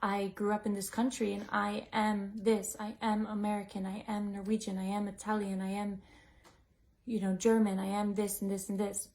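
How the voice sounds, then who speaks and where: A woman leading a breathwork class, talking in a gentle, musing way, full of "like" and "you know". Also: mid-range voice, level tone, normal speed, gravelly. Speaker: breathwork teacher. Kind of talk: reflective teaching talk to a group.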